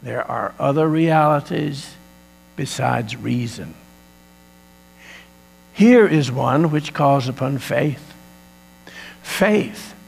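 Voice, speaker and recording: A man's voice: medium pitch, drawn-out words, creaky, pauses often, darkish tone, husky, in a large hall. A man preaching an Easter sermon, retelling the story with dramatic, swelling emphasis.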